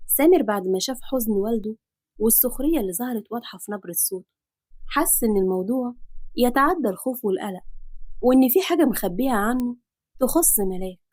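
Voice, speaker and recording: A woman with an Egyptian accent narrating a romance story in a steady, flowing storybook style. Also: fairly high pitch, fast. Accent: Egyptian Arabic.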